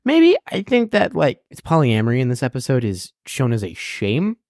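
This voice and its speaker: A woman's voice: extremely low pitch, huge pitch swings, moderate pace, darkish tone, no echo, studio quality. A woman co-hosting a podcast in casual chat, who makes crude jokes and acts out characters in silly voices. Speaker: podcast co-host.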